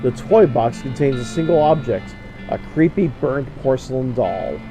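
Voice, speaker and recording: A man's voice: mid-range voice, lively intonation, normal speed. A man giving let's play commentary, reading game text aloud and commenting as he plays. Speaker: gamer playing and narrating a video game. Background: game music with guitar.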